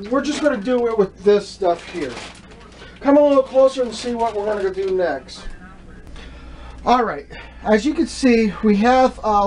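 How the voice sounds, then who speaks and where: A man's voice: high voice, darkish tone, poor audio. A young man hosting a casual home cooking demonstration in a small kitchen, rambling with many fillers and restarts, recorded on the camera mic. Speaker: home cooking video host. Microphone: camera mic, filming himself at the stove.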